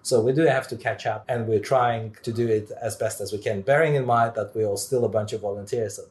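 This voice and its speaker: A man speaking as a guest expert in a technical interview, animated, with many fillers and restarts. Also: on the low side, brisk.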